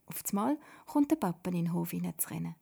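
A woman with a Swiss German accent narrating a children's story in a gentle reading manner. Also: on the low side, animated, fast talker, gravelly, husky.

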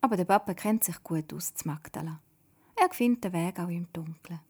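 Brief: woman narrator, whispered storytelling, breathy and husky. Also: lowish voice, brisk, a little mellow.

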